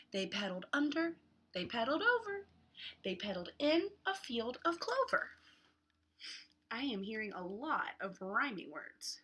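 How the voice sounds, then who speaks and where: A woman with a slightly high, husky voice hosts a children's read-aloud, performing a picture book for young kids. She hams it up, stressing words dramatically in a lively, exaggerated way.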